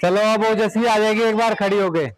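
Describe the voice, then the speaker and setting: A man's voice: high voice, fairly even intonation, brisk, clean tone, no room sound, low-quality recording. A man teaching a class of children, giving directions and repeating short commands.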